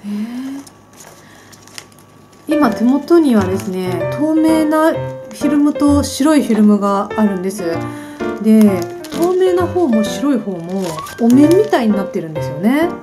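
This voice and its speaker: A beauty vlogger in her forties chats casually while unboxing, polite and flustered, often laughing at herself. Her voice is on the high side with big pitch swings and an unhurried pace, and background music is clearly audible.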